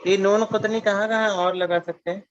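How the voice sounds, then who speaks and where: A man's voice: high voice, fairly even intonation, normal speed, lo-fi sound, noisy background. Polite hesitant male student on a call. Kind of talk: asking questions in class.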